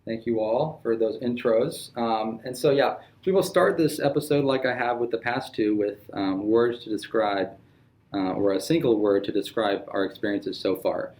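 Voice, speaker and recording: A young adult man hosts a casual podcast, introducing guests and asking questions with lots of fillers and restarts. His voice is lowish and darkish, at a normal speed.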